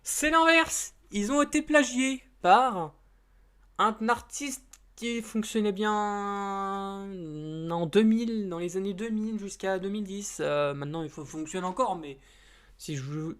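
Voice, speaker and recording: A man's voice: high-pitched, a little slow, a bit bright. A man chatting casually to camera as a YouTuber. He rambles and hesitates, with many fillers and restarts, in informal, slightly crude speech.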